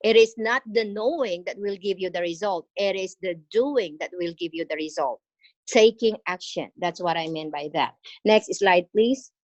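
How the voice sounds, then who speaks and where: Speaking over a video call, an exchange teacher from the Philippines with a Filipino accent gives an earnest, encouraging motivational presentation about her experience, pausing often and using fillers. Her voice is medium-pitched. There's no echo, but the highs are cut off.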